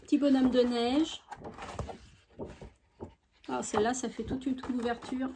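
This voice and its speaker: Chatty high-voiced woman showing crafts. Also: steady tone, a little slow, noisy background. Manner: chatty and enthusiastic, many fillers. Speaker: craft YouTuber. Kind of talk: casual product show-and-tell.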